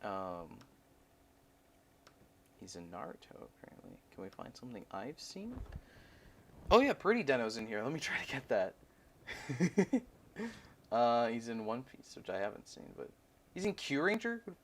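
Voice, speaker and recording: A young man chatting casually as he unboxes a toy, rambling and excitable like a fan. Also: mid-range voice, a little slow, long pauses, slight background noise. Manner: rambling, excitable fan talk with frequent laughs. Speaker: toy reviewer.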